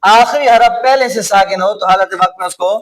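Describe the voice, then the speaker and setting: A man with a Pakistani Urdu accent teaching a class on reading the Quran. He slowly repeats words over and over, quizzes his students, and sometimes calls out loudly. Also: high voice. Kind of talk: classroom lesson on Quranic recitation rules. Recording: distant mic with clear background noise.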